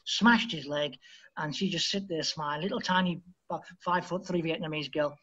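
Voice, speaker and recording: A man from Liverpool, a football coach telling lively anecdotes as a podcast guest and acting out the dialogue. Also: fairly high pitch, brisk, breathy edge, lo-fi sound. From Liverpool, England. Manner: lively storyteller who acts out quoted dialogue. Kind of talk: anecdotal interview storytelling.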